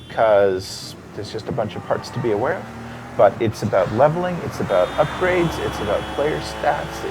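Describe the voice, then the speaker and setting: A man hosts a casual game livestream, laying out an upcoming update point by point. He sounds upbeat and at ease. There is a clear hum of air conditioning behind him. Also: mid-range voice. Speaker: game developer hosting a livestream. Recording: background hum and noise.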